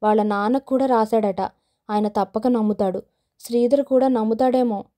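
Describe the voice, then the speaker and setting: A proud young rich woman snaps back in curt, scornful lines, as a woman narrator voices her. The voice sits fairly high and sounds dark and mellow. It is a character in a spoken audio novel. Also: steady tone, moderate pace, lightly acted.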